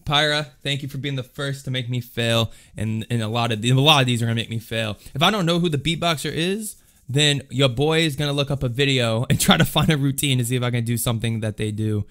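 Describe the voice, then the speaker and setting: A man's voice: mid-range voice, quick pace, fairly bright tone. Casual, foul-mouthed male beatbox vlogger. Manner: loose, chatty and swears freely. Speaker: beatboxer vlog host. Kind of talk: casual vlog chat.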